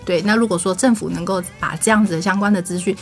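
A woman's voice: medium pitch, fairly even intonation, fast talker, faint music behind. A woman, a charity office director speaking as an interview guest, earnest and often hesitating. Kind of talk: interview guest answering questions.

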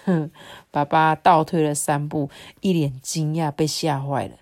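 A woman's voice: low voice, little pitch movement, moderate pace, a little mellow. A woman reading a picture book aloud to a child, chatty and explaining as she goes. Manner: chatty, explains asides to the listener. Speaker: storyteller.

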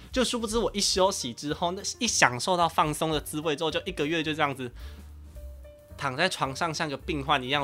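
A young man in his twenties with a Taiwanese Mandarin accent, hosting a casual podcast and telling a story in a loud, animated, ranting way. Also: a little high. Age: 20s. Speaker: podcast host.

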